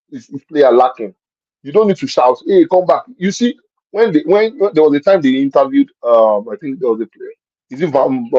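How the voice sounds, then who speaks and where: A man's voice: mid-range voice, dark tone, husky, dry recording, lo-fi sound. A man talking football in a casual match-review chat. He makes his points with force, repeats them, and explains with examples. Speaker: football pundit.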